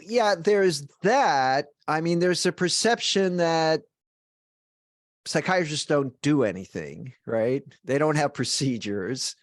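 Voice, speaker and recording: A man's voice: mid-range voice, no echo, clean studio sound. A man hosting an interview podcast as a neurologist, asking casual, musing questions. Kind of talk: conversational interview.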